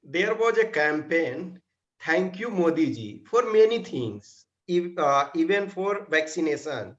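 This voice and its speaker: A man's voice: a little high, very animated, a little slow, a bit bright. A man with an Indian accent questioning as a formal interview panelist in a blunt, challenging way. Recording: dull lo-fi audio.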